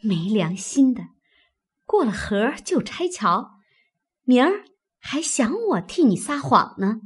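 A woman's voice: fairly high pitch, sing-song, slow, husky, exaggerated voice. A woman voicing a sly, playful young maidservant in an audiobook of a classic novel, with a teasing manner.

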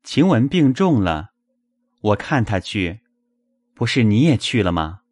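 A man's voice: fairly low pitch, big pitch swings, unhurried, darkish tone, no room sound, studio quality. A man voicing a dreamy, infatuated young nobleman who talks in eager, pleading bursts.

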